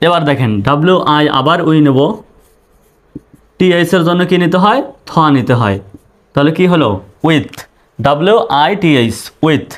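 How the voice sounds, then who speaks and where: A man's voice: on the high side, lively intonation, normal speed, long pauses. A man teaching English reading, spelling words letter by letter and asking and answering his own questions. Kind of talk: step-by-step spelling lesson.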